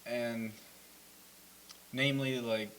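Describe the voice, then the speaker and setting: A man's voice: medium pitch, little pitch movement, slow pace, a bit bright, low-quality recording. A young man co-hosting a casual fan talk show, joking and slipping into silly voices. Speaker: co-host. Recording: faint hiss.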